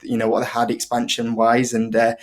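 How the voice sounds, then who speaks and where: A man with a Yorkshire accent talks in a casual, chatty way as an interview guest. His pitch is average and moves very little, giving an even, level delivery. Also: a little fast. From Leeds, Yorkshire, UK. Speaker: investing video creator, guest.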